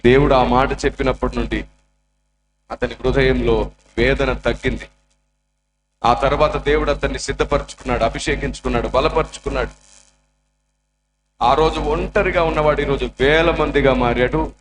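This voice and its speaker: A man's voice: mid-range voice, steady tone, moderate pace, pauses often, background noise. A male preacher telling a testimony story in a dramatic, emotional sermon style. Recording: echoey room.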